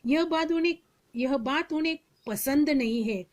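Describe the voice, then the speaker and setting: Slow, careful woman teacher explaining a story. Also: sits high. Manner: slow, explanatory, glosses words, acts out quoted lines. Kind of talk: explaining a story lesson, reading out dialogue.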